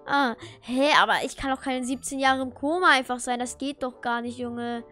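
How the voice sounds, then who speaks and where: An excitable, whiny young teenage boy acted by a woman in a Minecraft role-play, high and bright. The delivery is slangy and exclamatory, with light music underneath. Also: moderate pace. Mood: bewildered. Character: Snoopy, excitable, whiny thirteen-year-old boy. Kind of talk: Minecraft video role-play with asides to viewers.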